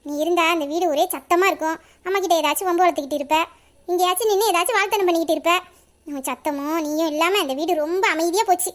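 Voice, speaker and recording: A woman plays a fond older sister with a high, soft voice. She speaks gently and soothingly, full of affection. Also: fast. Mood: tender.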